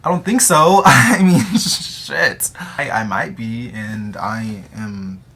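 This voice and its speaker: A 19-year-old American vlogger answers audience questions while chatting to the camera, slangy, playful, and joking. His medium-pitched voice is bright, forceful, and slightly rough, and he takes his time.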